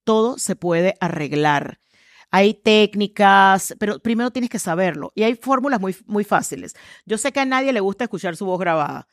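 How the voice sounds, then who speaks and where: A middle-aged woman, a communications trainer, talking with lots of energy in a low voice and acting out quoted voices as she tells stories in an interview. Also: moderate pace, dry recording, studio quality. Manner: acts out quoted voices, lively storytelling. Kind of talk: animated interview conversation.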